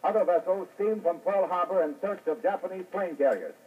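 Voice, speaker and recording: An actor playing an urgent male wire reporter who dictates news over the phone in brisk, clipped bursts, in 1940s radio acting on an old newsreel-style broadcast. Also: high voice, far from the mic, narrow, tinny audio. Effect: old newsreel-style radio broadcast sound.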